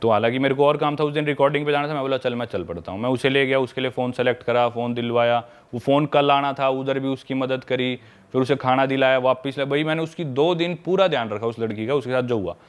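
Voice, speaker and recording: A man's voice: medium pitch, quick pace, clear, resonant tone. A young man telling a travel story in casual chat, acting out the people he quotes. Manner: animated, acts out quoted people. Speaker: guest traveler.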